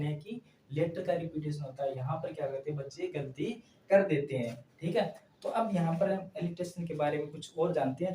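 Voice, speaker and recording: A man's voice: on the high side, dark tone, far from the mic, slight background noise. A male teacher giving a grammar lesson, asking a question and answering it himself again and again on his phrases. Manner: repetitive call-and-response questioning. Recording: echoey room, voice from off-mic.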